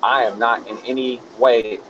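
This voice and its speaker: Caller on a bad connection: man, mid-pitched, dull lo-fi line with faint hiss, breaking up. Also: steady tone, moderate pace, a bit bright. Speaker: call-in guest on a livestream. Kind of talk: casual chat. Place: on the road.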